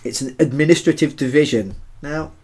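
A man's voice: a little high, a little fast, a little mellow. Rambling, jokey podcast man. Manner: rambling, jokey, with many fillers. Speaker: podcast co-host. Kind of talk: casual podcast chat about a video game.

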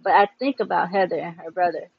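High-voiced man reading a novel aloud. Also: fairly even intonation, fast talker, gravelly, breathy edge, muffled recording. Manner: warm sign-off, casual asides. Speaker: book reader.

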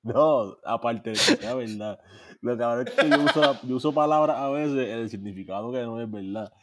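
A man's voice: medium pitch, big pitch swings, normal speed, a bit bright. A man, co-hosting a podcast in casual, profane chat and mixing in English phrases. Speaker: podcast co-host.

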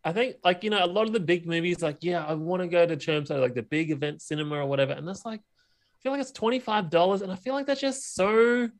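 A man with a high-pitched voice talks fast as a podcast co-host, keeping things casual and conversational.

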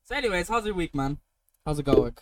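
A man's voice: a little high, expressive, quick pace, a crowd in the background. A man co-hosting a casual podcast, talking in an exclamatory, slangy way and swearing freely. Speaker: podcast co-host.

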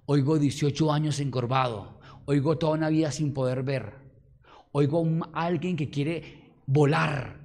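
A man delivers a sermon directly to his congregation, posing rhetorical questions. His volume swings from loud exclamations down to low murmurs.

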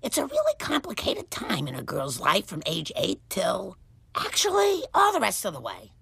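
A gentle, patient cartoon mom with a deeply raspy, gravelly voice. Her pitch swoops widely as she soothes. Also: huge pitch swings, moderate pace, no room sound, full character voice. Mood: soothing.

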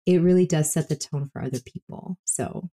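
A woman with a very low, mellow, dark voice speaks on a podcast. Her delivery is conversational. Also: normal speed. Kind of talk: casual podcast chat.

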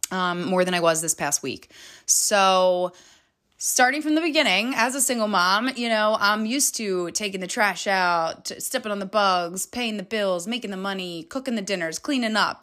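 A woman's voice: lowish voice, fairly bright tone. A woman hosting a podcast, telling a personal story in a candid, chatty way with frequent laughs and fillers. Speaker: podcast host.

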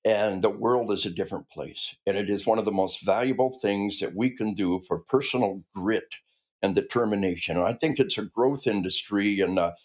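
A retired army officer in his sixties, raised in the American Midwest, talks as a guest on a podcast in a conversational interview. His voice sits on the lower side and moves at a normal speed. He speaks earnestly and emphatically, often restarting his sentences.

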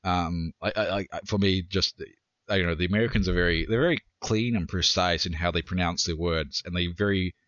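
A man chats on a podcast in a low voice, halting and restarting words with many ums. The sound is dry and dull, like a lo-fi close mic. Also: fairly bright tone, no room sound. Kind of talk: casual chat.

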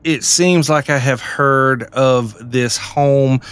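A man's voice: medium pitch, fairly even intonation, slow, a bit bright, smooth. A man with a Southern American accent, co-hosting a podcast and thinking aloud hesitantly. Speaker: podcast co-host. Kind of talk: casual chat.

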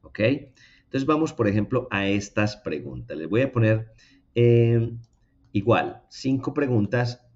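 Man, low voice, English teacher, step-by-step explaining, slightly dull recording. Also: lively intonation, unhurried, a little mellow. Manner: explains step by step, repeating examples and checking with "¿ok?". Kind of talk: online English lesson.

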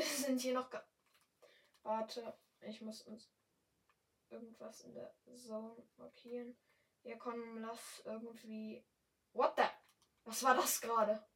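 Young woman gaming and chatting in standard german, gets all excitable, sounds kinda far from the mic. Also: fairly high pitch, takes it slowly, long pauses. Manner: chatty, excitable, yelps and exclaims often. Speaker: gamer streamer. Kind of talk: casual gameplay commentary.

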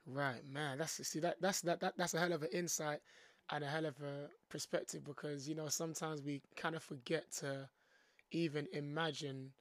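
A man's voice: on the high side, fairly even intonation, normal speed, no echo. A man hosting a podcast interview, affirming his guest often and repeating words as he gathers his thoughts. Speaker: podcast host, coach.

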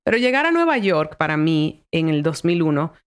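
Smooth-voiced Dominican woman podcast host. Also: low-pitched, moderate pace. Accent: Dominican Spanish. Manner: lively, reflective storytelling. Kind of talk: casual podcast chat.

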